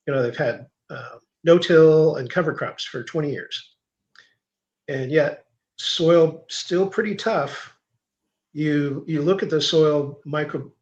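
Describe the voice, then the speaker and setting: A man's voice: on the high side, lo-fi sound. A male guest explaining soil science in a technical, hesitant way. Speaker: guest agronomy expert. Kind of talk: explaining in conversation.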